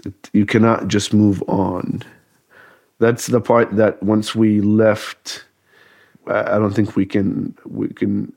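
Male interview guest from Saudi Arabia and Gaza, low monotone, thoughtful and halting. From grew up in Saudi Arabia and Gaza. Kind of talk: conversational interview answers. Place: home.

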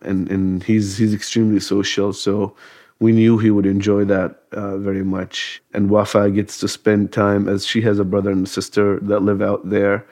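Male interview guest from Saudi Arabia and Gaza, low monotone, thoughtful and halting. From grew up in Saudi Arabia and Gaza. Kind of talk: conversational interview answers. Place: home.

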